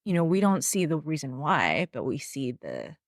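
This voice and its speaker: In a dry, studio-quality recording, a podcast host of Taiwanese family background conducts a casual interview, thoughtful and conversational with plenty of fillers. She has a low, sing-song voice and speaks at a moderate pace.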